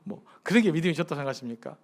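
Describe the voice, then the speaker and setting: A man with a high voice preaches to his congregation in an easy, conversational way. He asks them question after question. When he acts out a prayer, his voice drops to a soft, pleading hush. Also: animated, quick pace. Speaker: pastor. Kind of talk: sermon at a midweek prayer service.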